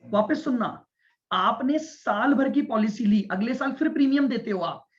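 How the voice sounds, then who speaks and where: A man teaching a commerce class, explaining step by step, repeating his points and checking whether the students follow. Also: very high voice. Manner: speaks deliberately and stresses listening. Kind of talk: classroom lecture. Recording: dull lo-fi lecture recording.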